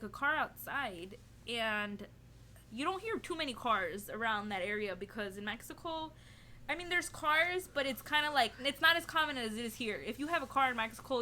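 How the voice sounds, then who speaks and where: A young woman with a high, bright voice tells a story for her vlog. She leans on "like" and "you know" constantly and retells it in an animated, giggly way. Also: normal speed, a little hiss or hum. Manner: chatty, heavy on "like" and "you know". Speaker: vlogger. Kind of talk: casual storytelling to camera.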